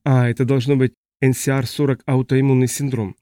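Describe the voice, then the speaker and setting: A man's voice: mid-range voice, flat delivery, fairly quick, dark tone, clean tone, dry recording, studio quality, close to an everyday voice. A man voicing a contented middle-aged official in an audiobook reading.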